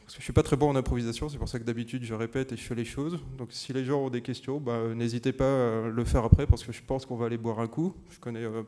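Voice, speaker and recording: A man with a French accent speaks at a mid pitch in a warm, relaxed timbre. He talks casually to a conference crowd, hesitating often and joking as he goes. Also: fast talker, few pauses. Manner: hesitant, filler-heavy and joking. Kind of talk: casual lightning talk.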